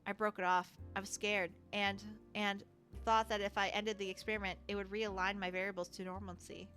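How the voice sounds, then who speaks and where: A woman voicing a heartbroken, self-aware robot villain who speaks in a halting, formal, mournful way. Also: mid-range voice, level tone, fairly bright tone, soft background music, natural voice. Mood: remorseful.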